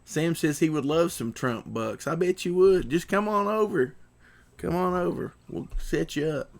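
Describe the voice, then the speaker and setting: A man's voice: on the high side, expressive, moderate pace, vocal fry. A man hosting a casual livestream, reading out viewer messages in a laid-back way. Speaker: livestream host reading chat. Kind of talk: casual joking chat.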